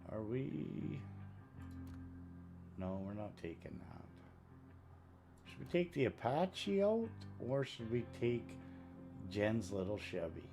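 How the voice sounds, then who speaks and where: A man's voice: medium pitch, gravelly, over music. A man missing his two front teeth, chatting casually and matter-of-factly in a rambling way as he live-streams a video game. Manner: rambling, unhurried, matter-of-fact. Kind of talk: casual live-stream chat while gaming. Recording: steady background noise.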